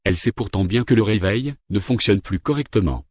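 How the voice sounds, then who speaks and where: A man's voice: fairly low pitch, expressive, a little fast, a little mellow, breathy edge, dry recording, studio quality. A man voicing an irritable government minister who grumbles and gets impatient, in a read-aloud story. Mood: irritated.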